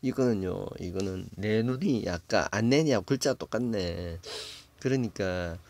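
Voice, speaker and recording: A man giving a casual, musing Bible lesson, thinking aloud with many fillers and slowly sounding out words before explaining them. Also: fairly low pitch, vocal fry, a little mellow. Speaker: Bible Hebrew teacher.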